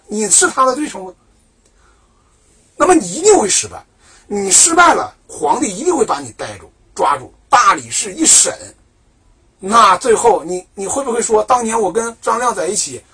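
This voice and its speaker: A man with a high, slightly rough voice tells a history story in a lively, chatty, colloquial way. He keeps posing questions to himself and then answering them.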